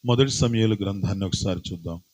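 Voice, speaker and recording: A man preaching a sermon as a pastor, repeating phrases slowly for emphasis and breaking into sudden high, forceful bursts while calling on the congregation to answer. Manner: slow, emphatic repetition of phrases.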